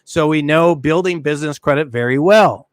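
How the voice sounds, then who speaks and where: A man's voice: a little high, normal speed, no echo. A middle-aged man presenting an online business seminar in an emphatic teaching manner, stressing key words and repeating them. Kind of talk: webinar business lesson.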